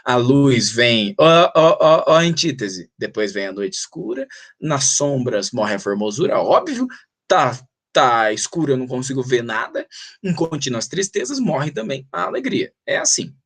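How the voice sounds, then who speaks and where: A middle-aged man with a Brazilian accent teaching a literature lesson, reading verse aloud and drawing out syllables as he counts the meter. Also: mid-range voice. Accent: Brazilian Portuguese. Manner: animated, drawn-out syllables when reading verse. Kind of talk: literature lesson for exam prep.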